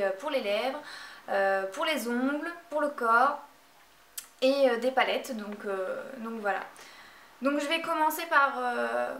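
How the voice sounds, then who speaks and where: In a casual vlog, a woman with a fairly high, slightly bright voice reviews beauty products. She talks hesitantly, full of filler sounds, and the echoey room picks her up from a distance with a little background noise.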